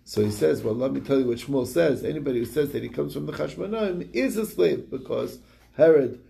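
A man's voice: medium pitch, animated, fairly quick, vocal fry, mellow. A man casually retelling a Talmud story in quoted back-and-forth dialogue, with fillers and restarts. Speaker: Talmud study reviewer.

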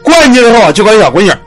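A man telling a ghost story, animated, with shouted cries and sound words. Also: high-pitched.

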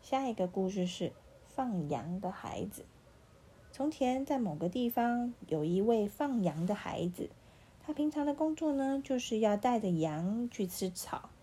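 A woman reading fables aloud at bedtime, gentle and animated. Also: mid-range voice, a little slow, slightly rough. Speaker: parent reading bedtime stories.

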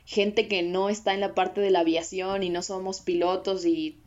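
A woman's voice: mid-range voice, flat delivery, moderate pace, a little mellow. Mexican woman talking it over casually, lots of fillers, kinda muffled sound. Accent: Mexican Spanish. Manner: rambling, many fillers and restarts. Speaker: podcast co-host. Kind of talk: casual discussion.

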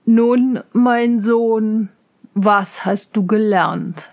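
In a fairy tale reading, a woman voices a stern, quick-tempered old count, lowering her voice into a slow, solemn delivery with a slightly mellow quality.

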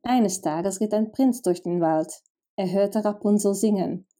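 A woman narrating a fairy tale, gently addressing the listener directly. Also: mid-range voice, a little slow. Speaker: storyteller.

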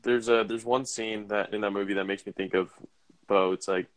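A man's voice: fairly low pitch, fairly even intonation, fairly quick, no echo. A man co-hosting a podcast, joking and swearing loosely in casual movie chat. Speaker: podcast co-host.

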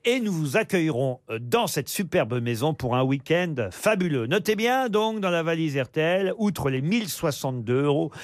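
A man's voice: a little high, dry recording, studio quality. A man hosting a radio quiz show, reading prize plugs and teasing his panelists in a chatty way. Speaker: radio game show host. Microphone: studio microphone.

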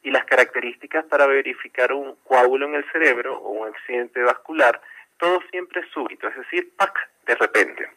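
A man with a bright, forward voice, speaking as a doctor on a radio interview. He explains things patiently and goes back over his points to make them plain. The sound comes through a radio broadcast. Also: mid-range voice, fairly quick, low-quality recording. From not from Chile. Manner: patient, explanatory, repeats himself to be clear. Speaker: medical doctor guest.

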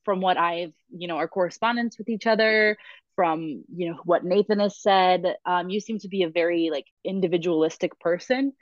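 A woman's voice: lowish voice, moderate pace, no echo. A woman podcast host asking questions in a casual interview, hedging her words with lots of fillers. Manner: searching, hedging phrasing with many fillers. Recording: dull, dry lo-fi audio.

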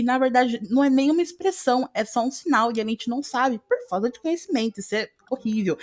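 A woman with a Brazilian Portuguese accent hosting a podcast, explaining in a casual, animated way and often correcting herself mid-sentence. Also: on the high side. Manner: animated, self-correcting, acts out quotes. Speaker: podcast host.

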